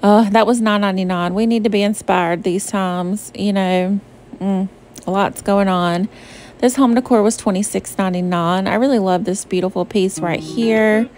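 A young woman from the southern US chats through a shopping haul voice-over, bubbly and easygoing, scattering "um" and "like" as she goes. Her voice sits at an ordinary middle pitch, and a little music plays quietly underneath. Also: steady tone, normal speed. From Southern United States. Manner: chatty and bubbly, many fillers like "um" and "like". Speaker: shopping vlogger. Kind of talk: casual voice-over narration of a shopping trip. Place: voice-over recorded apart from the pictured store. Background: faint background music.

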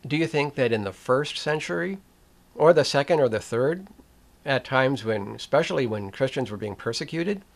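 In a commentary video, an older host speaks straight to camera, slow and reflective, with pauses, restarts and a wry touch. His medium-pitched voice is animated and creaky.

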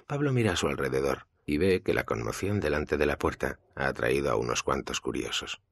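A man from Spain, with a Spanish accent, reading an audiobook in a steady, measured way. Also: very deep voice, creaky, no echo. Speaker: audiobook narrator. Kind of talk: audiobook narration.

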